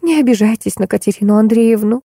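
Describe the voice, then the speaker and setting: A frail, weary old woman played by a female audiobook reader speaks in a faint, trembling voice that rustles softly. She sounds tired and pleading, a little higher than the narrator, and the recording is dry and close. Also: fast talker, breathy edge, dry recording. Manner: tired, pleading, soft-spoken. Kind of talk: audiobook character voice.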